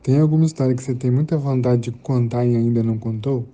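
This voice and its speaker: A man's voice: medium pitch, quick pace, mellow, lo-fi sound. A man interviewing a storyteller with casual questions.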